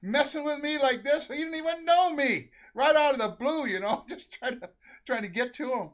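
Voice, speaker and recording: This storyteller, a middle-aged Minnesotan, has a very high-pitched, somewhat bright voice and a moderate pace. He rambles through a family anecdote, laughing frequently and restarting sentences, on dull lo-fi audio.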